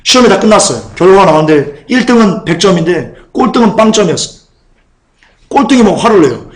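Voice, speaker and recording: A man pastor delivers a sermon in a church sanctuary. His voice sits a little high, and the room adds a roomy echo. He talks in a conversational way, circling back to repeat his point and asking the listeners questions. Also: sing-song, fast. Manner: conversational, repeats phrases, asks the congregation questions.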